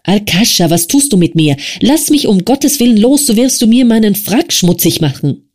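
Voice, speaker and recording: A frail young man, pinned down and begging to be let go, his voice pitched high and strained, as a reader puts him on. He sounds breathless and earnest, pleading in a storybook reading. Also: animated, moderate pace, darkish tone, close to an everyday voice. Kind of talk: audiobook character voice.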